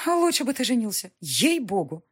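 Lady playing a bossy old-world countess mom, husky, pitched up, all over the place, audiobook. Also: big pitch swings, a little fast. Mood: indignant. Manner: scolding, shrill and overbearing. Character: imperious aristocratic middle-aged countess mother.

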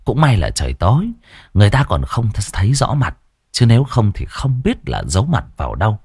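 Husky, low-voiced man telling ghost stories. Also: fairly quick, no echo, studio quality. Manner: lively, colorful storytelling. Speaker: storyteller. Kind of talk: ghost story narration.

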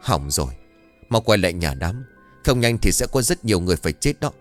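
A man's voice: deep voice, very animated, fairly quick, soft background music. A man voicing a serious exorcist master giving urgent commands. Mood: alarmed.

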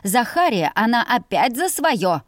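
Woman doing a high, loud, bossy storybook mother, dry and close. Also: sing-song, unhurried, dry recording. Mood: scolding. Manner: commanding, scolding, raised voice. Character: stern loud mother pushing her children to marry.

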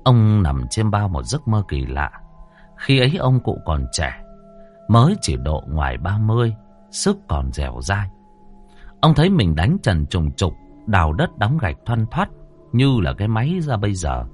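A man narrating a ghost story audiobook in a measured, dramatic storytelling manner. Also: fairly low pitch, very animated, soft background music.

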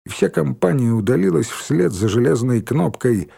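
A man narrating an audiobook in a lively, expressive storytelling manner. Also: mid-range voice, normal speed, vocal fry, breathy edge. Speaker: audiobook reader.

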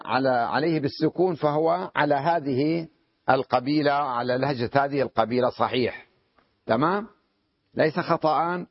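Higher-voiced man teaching grammar, lo-fi. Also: husky, no echo. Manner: checks understanding with frequent questions to students; slows down to read out quoted lines. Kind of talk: classroom lesson. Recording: dull lo-fi lecture recording.

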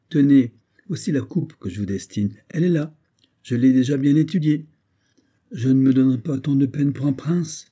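A man voicing a pompous, flattering hatter in his thirties or forties, unctuous and self-important, in a dark, husky voice. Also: mid-range voice, lightly acted. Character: pompous, flattering male hatter, 30s to 40s.

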